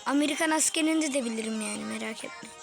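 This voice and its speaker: A high-pitched woman gives rapid, slangy let's-play commentary, chatting with her viewers and her teammates. Clear game music plays behind her voice the whole time. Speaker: gaming video creator.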